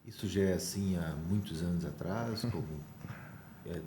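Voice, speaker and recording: A man's voice: low-pitched, moderate pace, warm tone, a little hiss or hum. A man from Brazil hosting a podcast interview, chatting casually and sharing personal stories.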